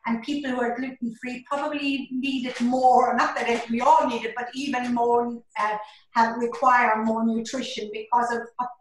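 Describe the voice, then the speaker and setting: A woman's voice: on the high side, little pitch movement, normal speed, a little hiss or hum. Hesitant woman in a very echoey room. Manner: hesitant, agreeable, many fillers. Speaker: co-presenter. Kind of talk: casual chat on a video call. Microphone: video call.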